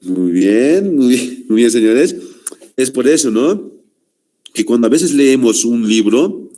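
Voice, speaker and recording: A man with a Bolivian Spanish accent lecturing a class, halting with fillers and constant "¿no?" tags. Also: lowish voice, warm tone. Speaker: teacher.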